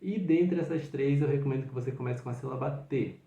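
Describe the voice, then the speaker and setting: A man teaches flute articulation, walking through each step with patient encouragement. His voice sits at a middle pitch. The room around him rings with noticeable echo. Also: fairly quick, creaky, mellow, highs cut off. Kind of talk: instructional video. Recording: roomy echo.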